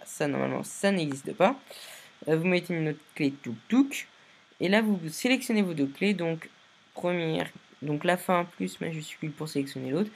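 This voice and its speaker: A tired man casually narrating a software tutorial, giving step-by-step instructions with many fillers and restarts. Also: fairly high pitch, slight background noise. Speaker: video editing tutorial maker.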